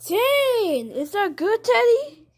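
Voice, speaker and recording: A performer voicing an excitable toddler boy, Baby Mario, in a childish, rambling way. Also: very high voice, slow pace, full character voice. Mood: playful. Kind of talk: fan puppet video voice acting.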